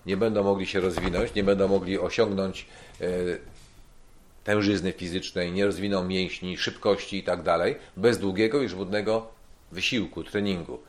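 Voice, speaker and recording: A man giving a measured sermon-style Bible teaching, explaining verses slowly and repeating key points. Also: low-pitched, steady tone. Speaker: preacher.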